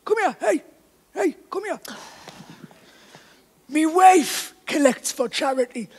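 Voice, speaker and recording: A woman's voice: sits high, animated, takes it slowly, darkish tone. A woman playing a wheedling, shifty club man in stage comedy. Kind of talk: broad stage comedy acting. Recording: reverberant live theatre hall.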